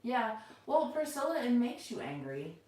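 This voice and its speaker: A woman's voice: on the high side, big pitch swings, moderate pace, darkish tone. A middle-aged woman chatting casually and unscripted to viewers as the host of a livestream from home. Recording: very echoey room, far from mic.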